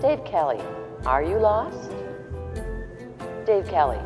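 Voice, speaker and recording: Woman on the intercom, low voice, swoopy paging tone, echoey with music under it. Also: very animated, slow pace. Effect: over the intercom. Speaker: voice paging over the hospital intercom. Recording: echoey loudspeaker with music behind.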